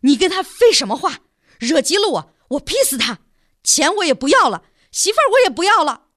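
A woman's voice: sits high, sing-song, moderate pace, pitched above the performer's own voice, heavily acted. A woman putting on a hot-headed simple village lad. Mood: angry. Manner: stammering, shouting, blunt. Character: dim-witted hot-tempered strong young village man. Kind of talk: storybook narration.

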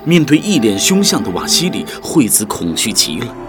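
A man narrating a dramatic audiobook story in a vivid, expressive storytelling voice, over background music. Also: medium pitch, moderate pace.

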